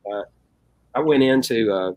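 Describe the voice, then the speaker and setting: Animated man telling stories. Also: mid-range voice, a little slow, dry recording, poor audio. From United States. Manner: animated storyteller, acts out quotes, says "man" often. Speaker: band member guest. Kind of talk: casual storytelling interview.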